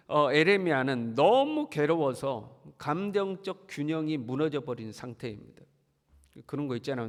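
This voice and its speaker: A man preaching an early morning sermon as pastor, earnest, acting out the voices in his text. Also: mid-range voice. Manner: earnest, acts out mocking quotes. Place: church sanctuary. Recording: long hall reverb.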